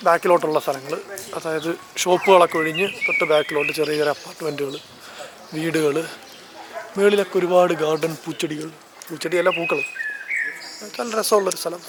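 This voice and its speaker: A man's voice: on the high side, steady tone, fairly quick, heavy background noise. A man with a Malayali accent narrating a casual travel vlog as he walks outdoors, holding the camera and chatting enthusiastically, often correcting himself. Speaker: travel vlogger. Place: outdoors walking through a seaside town and park. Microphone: handheld camera while walking.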